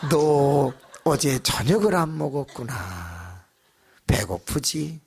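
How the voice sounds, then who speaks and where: Man doing a soft coaxing deceiving spirit. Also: mid-range voice, expressive, slow pace, noisy background.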